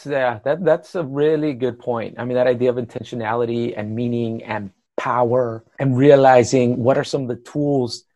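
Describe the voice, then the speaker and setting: A man's voice: medium pitch, steady tone, moderate pace, few pauses, mellow. A man who teaches writing, chatting on a podcast, self-deprecating and rambling with many "you know"s. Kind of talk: podcast conversation.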